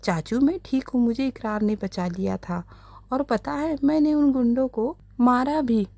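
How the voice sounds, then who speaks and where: A woman's voice: a little high, a little slow, creaky, warm tone, dry recording. A woman voicing an innocent, cheerful young woman.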